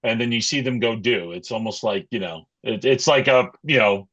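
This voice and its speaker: A middle-aged man talking casually as an interview guest, in a halting, thoughtful, conversational way. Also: mid-range voice, fairly bright tone, lo-fi sound. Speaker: interview guest, pro wrestler and wrestling coach.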